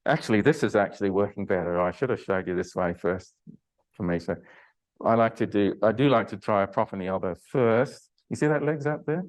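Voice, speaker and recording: A man's voice: on the low side, a little fast, poor audio. An older man leading a Pilates class, chatty and hesitant, with many fillers and restarts, and groaning with effort during self-massage. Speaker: Pilates instructor. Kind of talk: live online exercise class.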